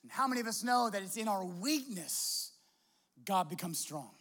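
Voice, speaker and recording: A man's voice: sits high, animated, moderate pace, fairly bright tone. A man with a Midwestern American accent, a pastor preaching a sermon with impassioned delivery, restarts and rhetorical questions.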